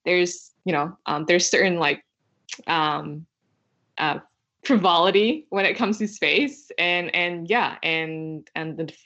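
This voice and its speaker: A woman's voice: lowish voice, slow pace, a bit bright. A young woman from Vietnam, a podcast guest, speaking in a hesitant way with many filler words and restarts. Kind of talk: casual interview chat. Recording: dull lo-fi sound.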